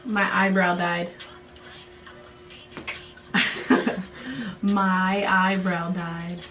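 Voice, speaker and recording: Slow-talking woman in an echoey room. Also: lowish voice, level tone. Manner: giggly, teasing. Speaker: vlogger playing a party game with sisters. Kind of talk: casual playful chat, mouthing out phrases. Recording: echoey room, slightly distant mic, music behind.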